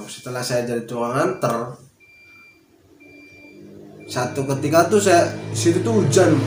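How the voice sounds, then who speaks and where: A man vlogger casually telling a personal story, rambling and circling back with repeated fillers. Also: medium pitch. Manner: rambling, repeats fillers like "tuh" and "gitu kan". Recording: echoey room with faint noise.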